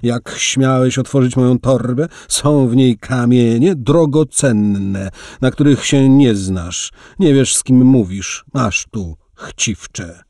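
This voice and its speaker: Man playing a swaggering young dandy in a storybook, lively husky voice. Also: fairly low pitch, a little slow, no echo, clean studio sound. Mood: haughty. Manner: bold, grandiose. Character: cocky young man, elegant and boastful adventurer.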